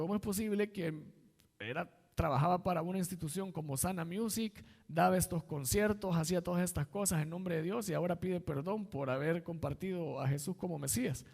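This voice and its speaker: Man, assistant pastor, sermon, conversational, personal anecdotes, slightly high voice, long hall reverb. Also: gravelly, darkish tone. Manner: conversational preaching with personal stories.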